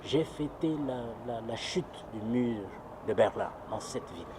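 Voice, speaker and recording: A man's voice: mid-range voice, lively intonation, unhurried. A man from Congo giving a documentary interview, grave and emphatic, repeating phrases for effect. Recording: clear street noise behind.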